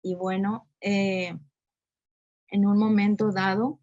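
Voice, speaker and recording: A middle-aged woman giving a personal testimony at a women's talk, unhurried and often tagging on a questioning "right?". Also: mid-range voice, little pitch movement, darkish tone. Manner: unhurried, with frequent rhetorical "¿verdad?". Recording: dull lo-fi recording.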